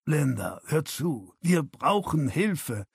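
A man's voice: fairly high pitch, very animated, slow pace, slightly rough, dry recording, studio quality, voice pushed up, exaggerated voice. A man doing a pleading, worried older father. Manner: pleading, defensive.

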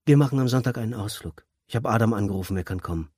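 A man voicing a guarded young adult daughter in a storybook reading, lifting his voice higher for her. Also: racing, warm tone, husky, dry recording, studio quality. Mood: matter-of-fact. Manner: raised, higher pitch.

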